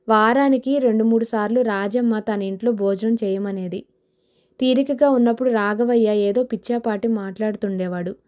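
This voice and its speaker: A woman narrating a novel in a steady storytelling manner. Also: a little high. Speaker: audiobook narrator.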